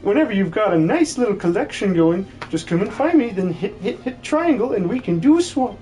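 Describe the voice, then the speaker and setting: This take is lightly acted, a little fast and sing-song, in a mid-range voice with a dark tone over soft background music. It's a video game dub of a jolly, excitable, fussy old hermit. His verbal tic is stuttering each word three times.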